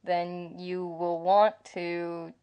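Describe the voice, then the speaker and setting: A young woman co-hosting a travel podcast, chatting casually, giggly and animated, swearing freely. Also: on the low side, drawn-out words, clean tone, lo-fi sound. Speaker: podcast co-host.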